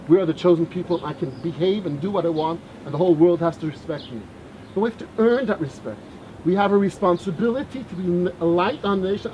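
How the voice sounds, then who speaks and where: A man's voice: high-pitched, a little mellow, a little hiss or hum, poor audio. A man leading a bar mitzvah ceremony, speaking chattily and checking in with the crowd. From Scotland. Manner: chatty, keeps checking in with "right?" and "okay?". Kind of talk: ceremony speech.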